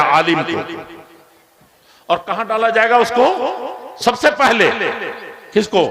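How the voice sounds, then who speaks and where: A man preaching a sermon to a gathering, swinging between loud emphatic lines and quiet low asides. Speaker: Islamic preacher.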